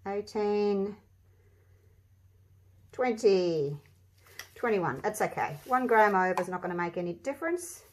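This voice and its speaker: A woman's voice: mid-range voice, expressive, a little slow, long pauses. An Australian woman giving a casual, chatty craft demonstration, thinking aloud, her voice slightly muffled by a mask over her mouth. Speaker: craft tutorial host. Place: indoor craft table.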